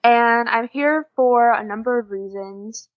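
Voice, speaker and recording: An eighteen-year-old exchange student from Oklahoma, United States, gives casual answers as an interview guest in an American accent. Her voice is a little high and a little slow, with soft background music on dull, lo-fi podcast audio.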